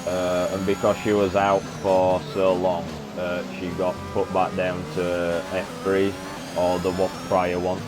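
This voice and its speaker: A man's voice: deep voice, a little slow, poor audio. A man chatting casually as a gaming streamer during a racing game, rambling with many filler sounds. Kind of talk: casual chat while playing a racing game. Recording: steady background noise.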